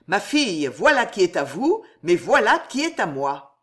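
A woman's voice: medium pitch, sing-song, normal speed, lightly acted. Woman as a jovial old king and grandfather, hearty and commanding, storybook reading. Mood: jubilant.

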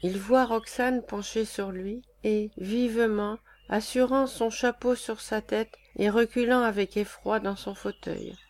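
A woman reading the stage directions of a play in a calm, even way. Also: on the high side, a little slow, hardly any pauses.

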